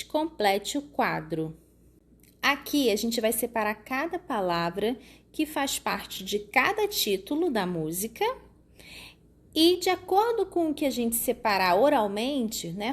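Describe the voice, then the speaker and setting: A woman teaching a lesson to young children, explaining patiently and often checking that they follow. She draws words out slowly when sounding out syllables. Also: medium pitch. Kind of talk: recorded classroom lesson for children.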